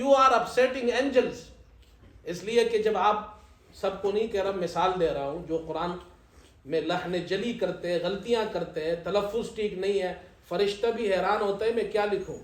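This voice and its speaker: A man preaching a sermon as imam, telling light humorous stories and reciting scripture slowly. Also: high-pitched, a little mellow. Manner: humorous storytelling, slow chanted Arabic recitation. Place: event hall at a ceremony. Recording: echoey hall.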